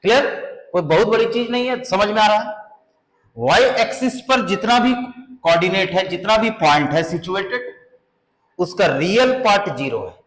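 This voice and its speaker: Man, maths teacher, high voice, step-by-step explaining, rhetorical questions, echoey room. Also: animated, normal speed, a bit bright. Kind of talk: classroom maths lesson.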